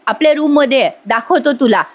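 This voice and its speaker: Woman reading a gentle young husband thinking out loud, highish voice. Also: fairly quick. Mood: earnest. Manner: reassuring, thinking aloud. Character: calm young husband, puzzled and caring.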